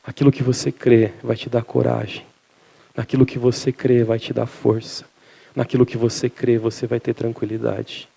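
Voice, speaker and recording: A man's voice: medium pitch, moderate pace, gravelly, husky. A man preaching a sermon in church, telling jokes and stories to the congregation. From Minas Gerais, Brazil. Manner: lively storytelling with jokes to the congregation. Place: church service.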